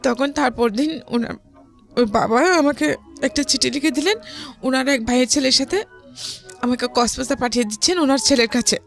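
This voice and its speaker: This interview guest is a woman with a Bangladeshi accent and a high, creaky voice, telling her own story at a moderate pace. It's conversational, with soft music behind her.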